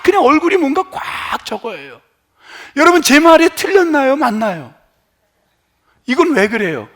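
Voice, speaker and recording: A middle-aged male pastor preaching a sermon, asking his congregation questions and swinging from loud emphatic lines to hushed near-whispers. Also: very high-pitched. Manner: asks the congregation questions and has them try words aloud.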